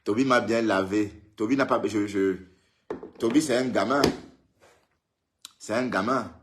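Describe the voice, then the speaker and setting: A man's voice: lowish voice, a little slow, background noise. A man hosting a casual live stream, greeting viewers by name and teasing them in a chatty way. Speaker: livestream host. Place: indoors, at home in Europe.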